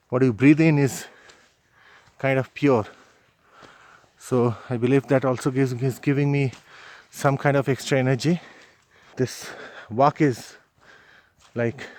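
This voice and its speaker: A man's voice: medium pitch, a little mellow. A man vlogging casually as he hikes an outdoor mountain trail, filming on a phone and thinking aloud. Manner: chatty, thinking aloud while hiking. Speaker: travel vlogger. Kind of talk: casual walking commentary. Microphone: handheld phone camera.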